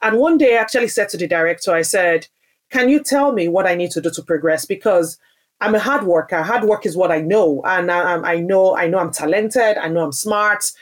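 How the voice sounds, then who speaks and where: Answering a podcast interviewer, a Nigerian business founder and parent speaks with conviction about her working life, frequently starting phrases over. Her voice is fairly low-pitched and her pace fairly quick as she shares this personal story.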